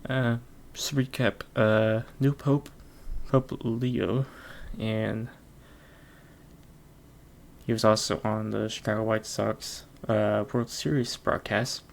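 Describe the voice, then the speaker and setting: This solo podcast host has a lowish, creaky voice with a level tone and takes things slowly. He chats casually and rambles, using lots of fillers and chuckling often.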